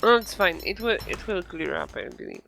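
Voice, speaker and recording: Stuffy-nosed man with a creaky voice. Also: high-pitched, sing-song, sharp tone, faint music behind. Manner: halting, repeats himself. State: stuffy nose, morning voice. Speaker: game server player. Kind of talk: casual voice chat.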